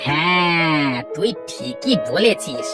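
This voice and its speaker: A woman's voice: deep voice, animated, takes it slowly. A woman voicing a weary, timid male village thief who talks hesitantly. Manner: tired, hesitant. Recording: background music.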